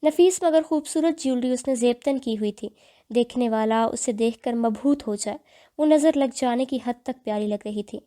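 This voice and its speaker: Mellow-voiced woman narrating a novel. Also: on the high side. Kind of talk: dramatic audiobook narration.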